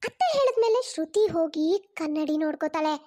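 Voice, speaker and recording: Very high-voiced woman narrator. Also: animated, fast talker, dark tone. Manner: friendly, appealing to viewers. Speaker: channel narrator. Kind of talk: storytelling narration and sign-off.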